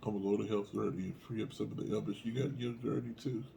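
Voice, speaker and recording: A man's voice: on the low side, flat delivery, rapid-fire, gravelly, dark tone, slight background noise. A man co-hosting a podcast in casual chat, playful and joking. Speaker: podcast co-host.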